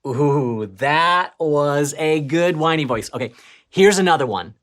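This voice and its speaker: This low-voiced woman co-hosts a scripted church lesson for children at a measured pace. Her storytelling carries wide pitch swings, rising to excitement and dropping to a hush.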